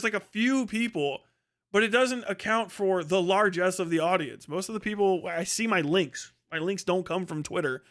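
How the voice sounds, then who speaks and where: With a high, slightly bright voice, this man runs a livestream and delivers an offhand rant full of strong views, speaking bluntly, with profanity, and dismissively.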